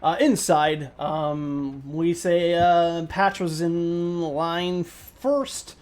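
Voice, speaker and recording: A man narrating a tabletop game as game master, relaxed and full of ums and likes. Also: fairly high pitch, drawn-out words, clear, resonant tone.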